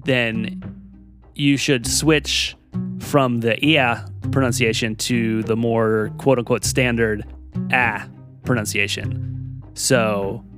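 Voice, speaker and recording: A man hosting a podcast, explaining things in a lively, playful way. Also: medium pitch. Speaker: podcast host.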